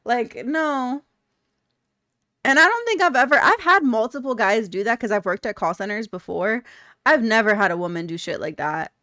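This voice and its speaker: A woman's voice: a little high, expressive, fairly quick, bright, forceful tone, no room sound, studio quality. A young woman streaming live, chatting candidly with her viewers, blunt and laughing often. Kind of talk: casual chat reading viewer comments.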